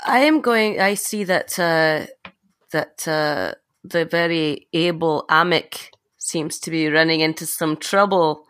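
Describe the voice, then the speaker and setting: A woman's voice: low-pitched, slow pace, a bit bright, clear, resonant tone, no echo, clean studio sound. A woman playing a tabletop game, speaking hesitantly with fillers. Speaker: player. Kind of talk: casual tabletop play.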